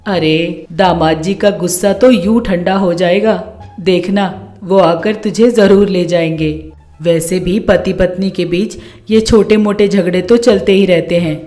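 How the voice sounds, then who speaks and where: A woman voicing a scheming, bossy middle-aged mother-in-law who scolds and coaxes loudly in a storybook tale. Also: on the low side, fairly even intonation, measured pace, soft background music, pitched below the performer's own voice, natural voice. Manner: scolding, coaxing, loud.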